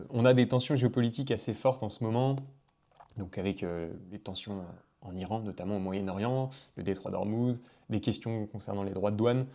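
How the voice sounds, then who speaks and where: A man's voice: fairly low pitch, mellow. A man explaining investing in a casual video, talking freely with many fillers and restarts. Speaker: finance content creator.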